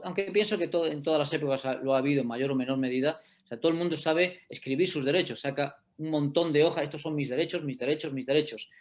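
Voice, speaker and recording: A middle-aged man giving a law lecture in an online class, explaining step by step and often checking that listeners follow. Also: on the high side. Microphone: video call.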